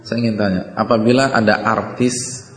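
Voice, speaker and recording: A man's voice: lowish voice, steady tone, moderate pace. A man giving a religious lecture to a congregation. He asks the audience questions and quotes Arabic. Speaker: preacher. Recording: echoey hall with long reverb.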